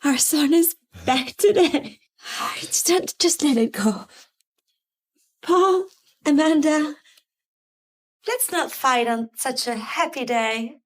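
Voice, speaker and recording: A woman's voice: sits high, slow pace, pauses often. An actress playing a poor, kind older mother who tries to keep the peace and pleads with her relatives. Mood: pleading. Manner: pleading, gentle.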